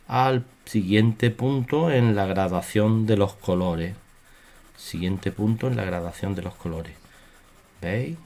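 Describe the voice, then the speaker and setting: A man teaching a drawing lesson, talking slowly and repeating his instructions calmly. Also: on the low side. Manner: slow, repetitive, soothing instruction. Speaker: art teacher. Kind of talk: drawing tutorial.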